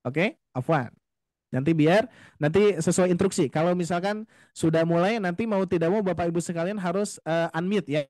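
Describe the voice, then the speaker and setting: A man's voice: high-pitched, a little mellow, no echo, studio quality. A man teaching Quran recitation in an online class, explaining patiently and addressing his students politely. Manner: patient, explains slowly, often addresses "Bapak Ibu", models recitation drawn out. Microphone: video call.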